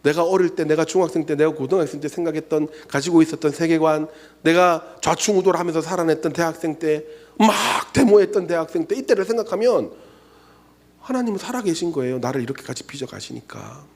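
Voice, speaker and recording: A man in his forties preaching a sermon as a youth pastor in a church, telling stories with acted-out voices and dropping to hushed tones for emphasis. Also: on the high side, fairly quick. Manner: animated storytelling, acts out quoted voices, drops to soft hushed tones for emphasis. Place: church sanctuary.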